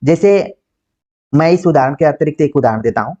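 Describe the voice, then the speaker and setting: A man teaching an exam-prep Hindi lesson who explains slowly, acts out example words and keeps checking with "ठीक है". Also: fairly high pitch, darkish tone. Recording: dull lo-fi sound.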